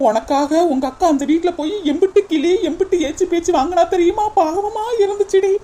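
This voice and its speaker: A woman's voice: very high voice, fairly quick, mellow. A woman doing a blunt scolding village auntie. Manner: scolding, calls the girl "di".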